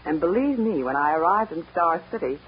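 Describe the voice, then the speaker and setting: An actress playing a brisk, earnest young Eastern woman who has taken charge of her ranch, in 1940s radio acting. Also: fairly low pitch, animated, close to an everyday voice. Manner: firm, decisive, earnest. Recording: dull old radio broadcast with faint hiss.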